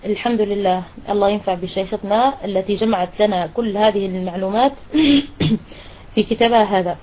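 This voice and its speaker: A woman teaching a tajweed lesson to women students, explaining step by step and slowly repeating words to demonstrate pronunciation. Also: mid-range voice, steady tone, darkish tone, slight background noise, low-quality recording. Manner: praises and questions students. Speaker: Quran recitation teacher.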